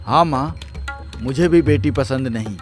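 A man's voice: mid-range voice, unhurried, natural voice. A man voicing Rabin, an earnest young husband and son, in a cartoon story with music underneath. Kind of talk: cartoon voice acting. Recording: music bed under dialogue.

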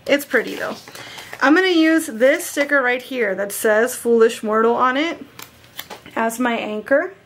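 A woman with a slightly high voice chats her way through a planner vlog, easygoing and thinking aloud. A faint hiss sits under the home recording. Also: expressive, unhurried, fairly bright tone. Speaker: planner vlogger. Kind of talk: casual plan-with-me narration.

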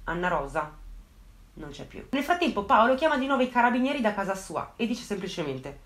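A woman tells a true crime story in a mid-pitched voice, speaking straight to her viewers. She grows indignant and breaks off with outraged asides. The room around her voice sounds roomy and echoey. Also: very animated, fairly quick, a bit bright.

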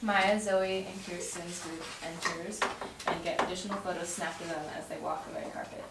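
A young woman with a fairly low voice narrates a table read, reading the script's stage directions aloud at normal speed with fairly even intonation. The group sits around a table in a home dining room, and a far-off camera mic picks her up, so the sound is distant, echoey, and clearly noisy.

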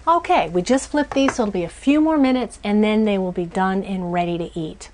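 A woman's voice: mid-range voice, a little fast, a little mellow, slight background noise. A woman in her forties hosting a cooking show from a small RV kitchen, chatty and upbeat as she walks through each step. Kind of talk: cooking demonstration.

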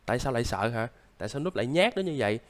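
A man's voice: mid-range voice, sing-song, rapid-fire, close to an everyday voice. A man voicing a sick young man who acts as a stern, lecturing big brother, coughing now and then, in casual game role-play.

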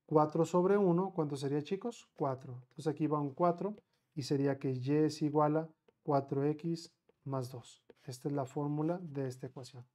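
A middle-aged man with a Mexican accent teaching a live online math class, chatty, firing quick questions at students and counting out steps slowly. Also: fairly high pitch, warm tone.

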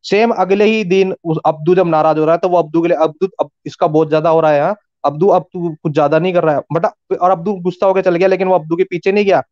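A man's voice: high voice, fairly even intonation, darkish tone, dry recording, muffled recording. A man arguing pushily and interrupting in a heated panel debate. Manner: rapid, pushy, interrupting.

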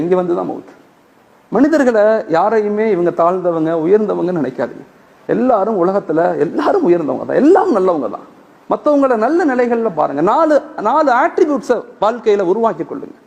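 A man's voice: high-pitched, gravelly, darkish tone. A man preaching a sermon in the way of speaking, telling a story in which he acts out the dialogue and repeating phrases for emphasis. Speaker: Islamic preacher.

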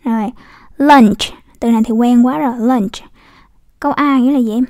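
A woman's voice: on the high side, normal speed, mellow. A woman English teacher explaining pronunciation casually, repeating model words and checking with her students. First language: Vietnamese.

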